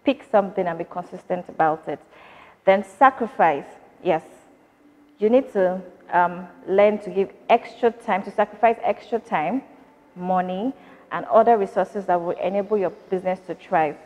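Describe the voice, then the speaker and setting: Recorded in a large hall inside a factory, the interview features a Nigerian founder in her thirties giving careful, considered answers full of fillers. Her voice is medium-pitched and mellow, and the sound quality is lo-fi.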